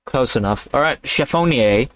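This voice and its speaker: A man's voice: medium pitch, normal speed, dry recording. A man reading a novel aloud on his channel, stumbling over words and breaking off for casual commentary full of offhand swearing. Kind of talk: casual read-along with commentary.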